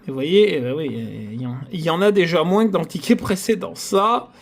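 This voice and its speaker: A man's voice: sits high, lively intonation, a little fast, vocal fry. A man hosting his own channel, chatting casually to viewers as he scratches lottery tickets and groans theatrically at every loss. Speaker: channel host.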